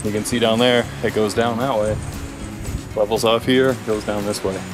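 Man in his thirties, hiking vlog, chatty and easygoing, lower voice, action camera outdoors, music playing under the talk. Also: fairly even intonation, moderate pace. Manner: easygoing, chatty, thinks aloud with fillers. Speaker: hiker vlogger. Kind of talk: casual trail vlog narration. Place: outdoors on forested mountain trails. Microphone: action camera on a handheld pole.

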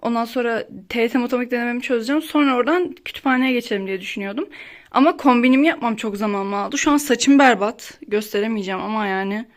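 A woman's voice: on the high side, quick pace. Chatty young woman vlogging her study day. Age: young adult. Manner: chatty, rambling, animated about small annoyances. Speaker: vlogger, exam student. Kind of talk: casual study vlog. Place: home, then a library.

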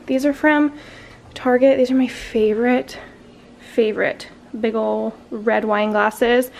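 A woman's voice: fairly high pitch, slight background noise. A young woman vlogger chatting casually as she bakes and tours her home kitchen, rambling with plenty of fillers. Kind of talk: casual cook-with-me narration.

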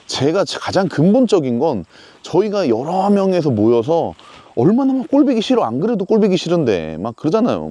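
A man's voice: fairly high pitch, warm tone, no echo. A man talking casually to camera in a camping vlog, chatty with lots of fillers and strong opinions. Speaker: camping vlogger. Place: outdoors at a campsite.

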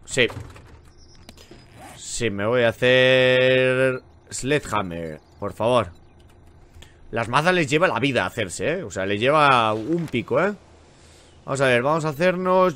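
Lively, bright-voiced gamer man. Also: mid-range voice, unhurried. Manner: chatty and exasperated, swears often. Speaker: gaming channel host. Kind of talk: let's play commentary.

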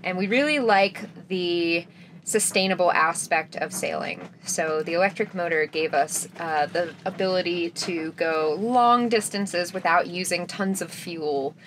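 A young woman talking about sailing as an interview guest, lively and laughing often, in a small wood-paneled boat cabin. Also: lowish voice, measured pace, a little hiss or hum. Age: young adult. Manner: lively, laughs often, talks with her hands. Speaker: sailor guest. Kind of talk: casual interview.

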